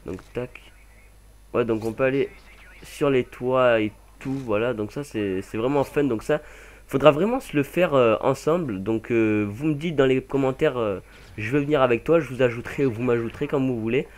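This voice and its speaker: A man's voice: mid-range voice, normal speed, darkish tone. A young man casually commenting over a game mod demo, rambling with many fillers and self-corrections. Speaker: gaming channel host.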